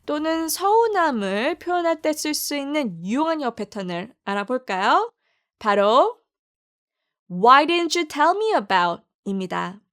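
A woman teaching an online English lesson, bright and upbeat, slowing down to spell out English phrases. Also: fairly high pitch.

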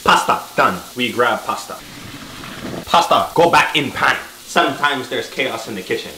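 A man's voice: mid-range voice, lively intonation, normal speed, bright, forceful tone, slight background noise. Playful young man cooking in an echoey kitchen. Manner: playful, mock-formal broken chef talk. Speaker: cooking vlog host. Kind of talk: joking cooking show narration. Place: small home kitchen, indoors. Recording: echoey kitchen with sizzling pan.

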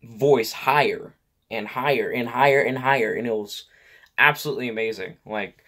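A man's voice: mid-range voice, normal speed, a bit bright. A man vlogger in casual talk to camera, rambling with many filler words and repeated phrases.

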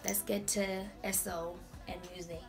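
A woman hosting a casual Bible talk vlog in a chatty, slangy, animated way. Her voice is going hoarse. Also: mid-range voice, unhurried, over loud music. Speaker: video host.

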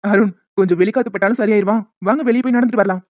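Woman voicing calm family men in a cartoon. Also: medium pitch, rapid-fire, no room sound, lightly acted. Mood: reassuring. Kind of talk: homemade animated family story. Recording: dry, dull lo-fi home mic.

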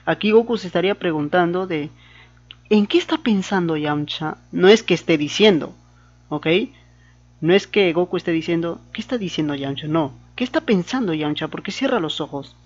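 A man's voice: on the high side, moderate pace. Conversational man with a dull, lo-fi sound. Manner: questioning, conversational, asks the viewer for agreement. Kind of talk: casual commentary.

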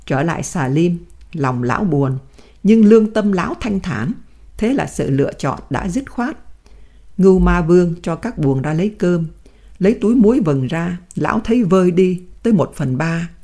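A woman narrating an audiobook in a calm, steady reading voice. Her pitch sits somewhat low for a woman, and she keeps an even, unhurried delivery throughout.

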